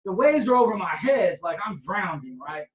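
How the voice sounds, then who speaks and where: A man's voice: high voice, sing-song, normal speed. Man teaching scripture in an echoey room. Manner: conversational, repeats "you know what I'm saying" and "right?"; acts out quoted reactions with sudden loud cries. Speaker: Bible teacher. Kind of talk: casual scripture teaching to a group. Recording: dull, echoey room recording.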